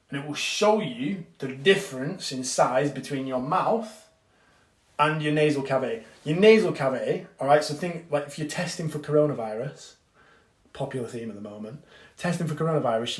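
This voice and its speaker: A man, a fitness coach, giving a casual live-stream breathing lesson and answering viewers. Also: on the high side. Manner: chatty, reads out viewer comments, swears casually. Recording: echoey room.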